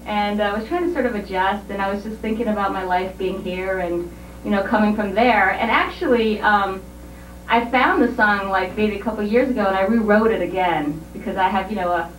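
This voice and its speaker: A woman in her thirties from Hawaii, a singer-songwriter guest on an interview show, slow and soft-spoken with frequent fillers. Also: medium pitch, recorded from a distance, a little hiss or hum. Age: 30s. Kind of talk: casual interview, then singing. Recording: echoey, phone-like sound with loud guitar.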